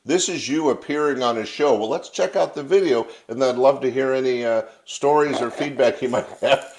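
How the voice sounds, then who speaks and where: A man's voice: mid-range voice, moderate pace, darkish tone. A man presenting a comedy show as host, in a conversational way.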